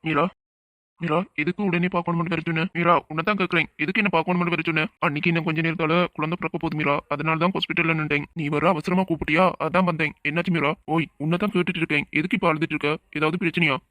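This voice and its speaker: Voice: medium pitch, level tone, racing, fairly bright tone, no echo, clean studio sound, natural voice. Voiced worried protective boyfriend. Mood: urgent. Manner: urgent, pressing questions.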